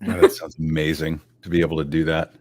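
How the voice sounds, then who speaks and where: A man's voice: extremely low pitch, completely flat delivery, fast, darkish tone, dry recording. A man hosting a casual podcast, talking in an easygoing, rambling way and teasing his co-hosts. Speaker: podcast host.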